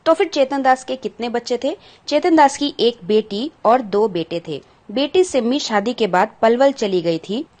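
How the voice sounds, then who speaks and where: A woman's voice: on the high side, lively intonation, moderate pace, a little mellow. A woman teacher patiently explaining a school textbook chapter to children, glossing English words and asking the pupils questions.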